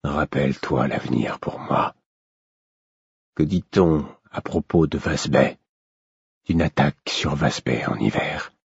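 A hoarse, commanding old king from an audiobook tale, speaking low and quiet, as a male reader puts him on. The low voice is husky, and the recording is dull and lo-fi. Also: slow, long pauses, dry recording, exaggerated voice.

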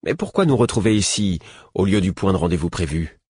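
A man voicing a young prince who speaks in a calm, composed and polite way. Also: low-pitched, a little fast, husky, no echo.

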